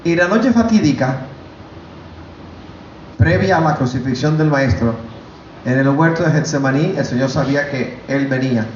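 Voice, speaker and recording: A man preaching a sermon, fervent, his voice climbing high when he voices God. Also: moderate pace, pauses often, reverberant, dull audio, slight background noise. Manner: preaching, rising to loud fervent pitch when voicing God. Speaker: pastor. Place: church.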